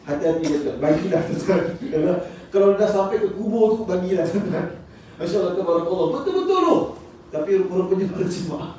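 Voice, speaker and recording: A man's voice: sits high, brisk, few pauses, distant mic, slight background noise. A man with a Malaysian Malay accent preaching to a congregation in a mosque, telling funny stories and teasing his listeners. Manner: humorous, lively storytelling, teasing the congregation. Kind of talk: mosque talk. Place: mosque prayer hall. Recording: echoey hall from afar.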